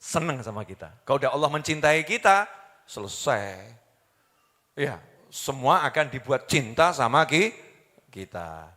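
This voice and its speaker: Man, sermon, lively pitch, bright tone, rhetorical questions, long hall reverb. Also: measured pace, long pauses. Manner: animated, acts out everyday voices, rhetorical questions to the crowd. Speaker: preacher.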